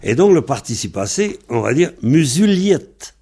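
A man's voice: medium pitch, big pitch swings, unhurried, dark tone, husky. A man teaching a Breton language lesson in French, patiently spelling words out letter by letter.

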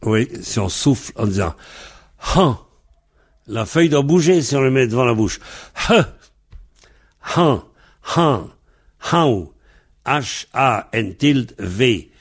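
A man from Brittany teaching a Breton language lesson, spelling words out letter by letter in a deliberate way. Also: medium pitch, expressive, breathy edge.

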